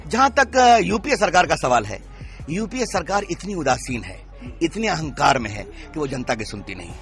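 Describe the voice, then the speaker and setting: A man's voice: on the high side, big pitch swings, normal speed, fairly bright tone, soft background music. A male politician giving an emphatic interview outdoors at a street protest into reporters' microphones. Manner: emphatic, speech-like. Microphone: handheld reporter mics.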